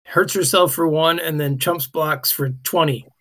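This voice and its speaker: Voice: mid-range voice, fairly even intonation, measured pace, fairly bright tone. A podcast co-host in casual chat, playful and teasing.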